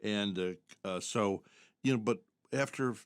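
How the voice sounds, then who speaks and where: A man's voice: on the low side, unhurried, clear, resonant tone, no room sound, studio quality. An older man co-hosting a podcast, chatting casually and telling rambling, jokey stories. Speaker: podcast co-host. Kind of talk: casual chat.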